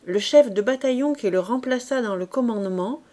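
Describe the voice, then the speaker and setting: A woman narrating a classic novel in a measured, clear storytelling manner. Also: on the high side, dark tone. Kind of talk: reading a classic novel aloud.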